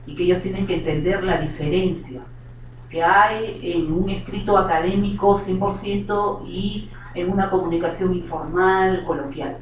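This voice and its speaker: A woman's voice: fairly low pitch, steady tone, a little hiss or hum. Peruvian woman speaking in an echoey hall. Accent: Peruvian Spanish. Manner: measured, explanatory, with pauses and restarts. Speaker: seminar speaker. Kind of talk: answering questions at a seminar. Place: university auditorium. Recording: distant, echoey auditorium, muffled sound.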